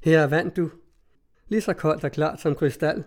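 Guy doing a teasing young woman, sing-song and a bit higher, storybook reading. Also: a little mellow, close to an everyday voice. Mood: tender.

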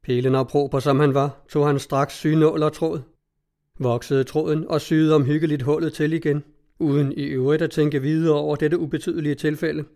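Measured male audiobook narrator. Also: fairly high pitch, little pitch movement, warm tone.

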